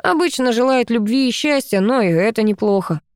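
An unflappable young man in an audiobook, relaxed and dryly amused, as a woman reads his lines. The recording is close and dry. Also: fairly high pitch, fairly quick, smooth, dry recording, voice pushed up, lightly acted. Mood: wry. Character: calm, wry young man with a skateboard.

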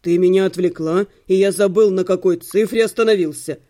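A grumpy young male necromancer in a homemade storybook reading, voiced by a woman narrator. His lines come out gruff, terse and sulky, pitched well below her own voice. The tone stays mellow and soft-edged. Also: a little fast, lightly acted. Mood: grumbling. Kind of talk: audiobook character voice.

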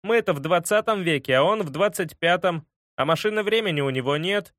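A man gives voice to a clever boy who questions everything in a dry, wry tone. The voice sits high and sounds close and dry. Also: animated, fairly quick, fairly bright tone, no echo. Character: wry boy narrator-hero, doubtful and clever.

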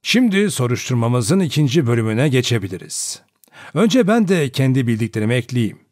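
A man voicing an elderly judge who speaks in a cold, deliberate and authoritative way, in an audiobook. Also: medium pitch, big pitch swings, darkish tone, no room sound, clean studio sound, lightly acted. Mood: grave. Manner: measured, deliberate. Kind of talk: audiobook character voice.

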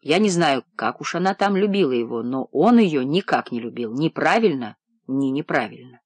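Measured male audiobook narrator, dry sound. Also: medium pitch, animated, husky, no echo. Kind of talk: scripted narration.

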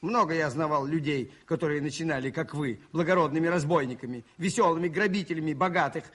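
Father Brown, earnest husky-voiced priest. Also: on the high side, fairly bright tone. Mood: grave admonishing. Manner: earnest, moralizing, deliberate phrasing with rhetorical repetition. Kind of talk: 1980s radio play acting.

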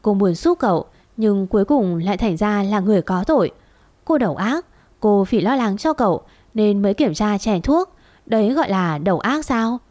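A woman tells a romance story in a steady, even reading voice. Her pitch stays in the middle range. She keeps a calm storyteller's pace throughout. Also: moderate pace.

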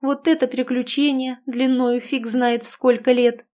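A woman voicing a spirited, brash young woman in an audiobook, talking boldly and loudly. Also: sits high, level tone, unhurried, voice pushed up. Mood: boisterous. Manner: bold, shouting, playfully rude.

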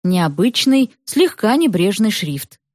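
A woman narrating a storybook in an expressive reading style. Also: medium pitch, slow pace, no echo, studio quality.

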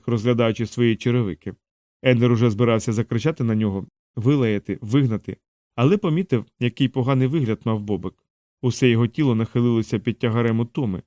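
A man narrating an audiobook in a steady, measured reading. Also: medium pitch, no room sound, studio quality.

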